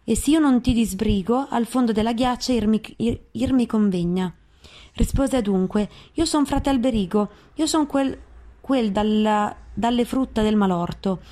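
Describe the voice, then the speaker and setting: A woman giving a measured, solemn recitation of classic verse. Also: fairly high pitch, mellow. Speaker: reader.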